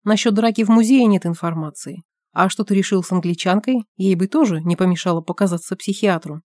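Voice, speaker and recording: A man's voice: high voice, dry recording, clean studio sound, lightly acted. A woman voicing an agitated, talkative man who keeps pressing his friend with questions, reading an audiobook. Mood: musing. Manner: excited rapid-fire questioning.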